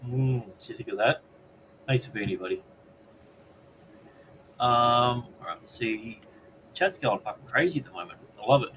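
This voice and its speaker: A man with an Australian accent hosting a live podcast, reading chat messages aloud and making crude, deadpan jokes. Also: mid-range voice, normal speed, pauses often, a little hiss or hum. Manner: crude joking, deadpan asides. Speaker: podcast host.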